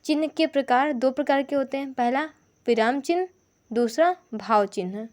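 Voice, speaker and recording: A woman teaching a grammar lesson, explaining slowly and working through examples from her notes. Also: sits high, a little mellow.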